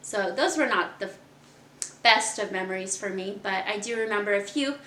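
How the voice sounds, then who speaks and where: A young woman from Kazakhstan telling her own story as a podcast host, chatty and open, with frequent laughs. Her voice is bright and forward. The room around her is echoey, with a faint hiss underneath. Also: medium pitch, normal speed. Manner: chatty and candid, laughs often. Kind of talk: casual personal storytelling.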